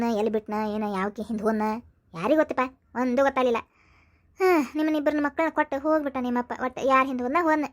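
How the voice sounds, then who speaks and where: Brief: a woman playing a chatty cartoon village mom, proud of her thieving sons, high-pitched. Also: fairly bright tone. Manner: chatty, rambling, prodding with "aa?". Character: fussy middle-aged mother of thieving sons. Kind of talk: cartoon voice acting.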